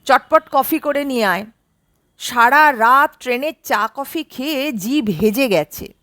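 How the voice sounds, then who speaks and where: A man's voice: very high-pitched, animated, unhurried, pushed and bright, no room sound, clean studio sound, exaggerated voice. A woman voicing a boisterous, bossy man who gives orders and teases his old friend, in an audiobook story. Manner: commanding, teasing.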